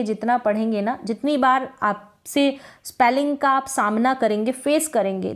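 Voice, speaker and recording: A woman teaching English spelling, sounding out words letter by letter and repeating them for learners. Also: fairly high pitch. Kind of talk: spelling lesson.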